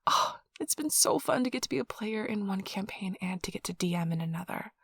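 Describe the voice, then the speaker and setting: A woman voices an affectionate nerdy girlfriend for intimate ASMR, gushing with excitement about tabletop gaming in a casual, giggly, chatty ramble. Her mid-range voice is soft, breathy and slightly husky, expressive, a little fast and exaggerated. It's recorded dry on a close microphone.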